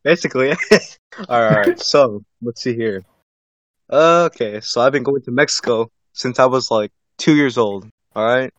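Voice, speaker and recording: A man's voice: mid-range voice, moderate pace, no echo. A man co-hosting a podcast who tells long, rambling stories in casual chat, peppering them with "like" and "bro.". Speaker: podcast co-host. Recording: dry, dull lo-fi sound.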